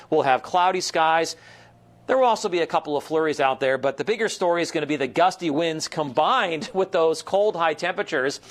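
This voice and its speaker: Higher-voiced American man presenting the weather. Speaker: TV weather forecaster. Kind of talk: broadcast weather forecast, ad-libbed presentation.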